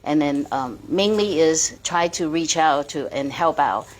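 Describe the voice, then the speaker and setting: A woman, a podcast guest talking casually and pausing often to find her words. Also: sits low. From Taiwan. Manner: hesitant, searching for words. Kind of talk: casual interview.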